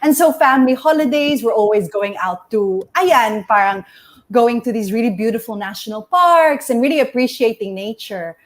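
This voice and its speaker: A woman raised in Australia chats easily as a guest, her voice sitting a little high. She laughs often and strings her thoughts together with "like." She comes through a video call. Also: normal speed. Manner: chatty, laughs often, many "like" fillers. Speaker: guest conservationist. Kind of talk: casual chat.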